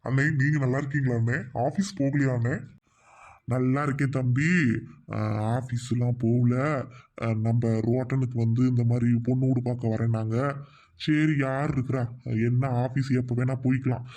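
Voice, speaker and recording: A man voicing a teasing middle-aged husband in a cartoon, who speaks slowly. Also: medium pitch, little pitch movement, dark tone, close to an everyday voice. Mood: friendly.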